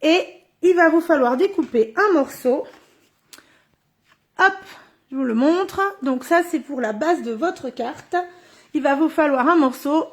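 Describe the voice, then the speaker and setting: High-voiced chatty woman crafting live. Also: unhurried, pauses often. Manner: chatty, thinks aloud while working. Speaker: card-making demonstrator. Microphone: phone or camera on a stand.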